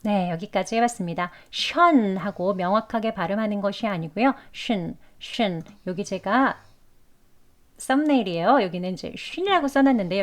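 A woman teaching English pronunciation to Korean learners, patiently drawing out each example word. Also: medium pitch. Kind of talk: pronunciation lesson.

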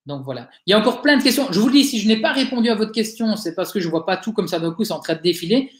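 A man's voice: high-pitched, animated, rapid-fire. A man with a Belgian accent from Liège, answering audience questions in a live webinar in a chatty, encouraging way with frequent hesitations. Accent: Liège Belgian French. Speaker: webinar speaker, digital agency owner. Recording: roomy webinar audio.

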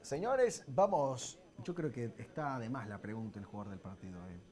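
A man's voice: mid-range voice, expressive, normal speed, a little mellow. A man with an Ecuadorian accent presenting live football play-by-play as the lead announcer. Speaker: lead football announcer, reading sponsor mentions.

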